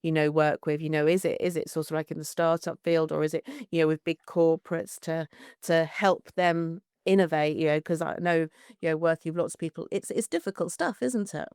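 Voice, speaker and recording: A woman's voice: low voice, steady tone, brisk, darkish tone, clean tone, no echo, clean studio sound. A woman co-hosting a podcast, chatting casually with stammering restarts. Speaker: podcast co-host.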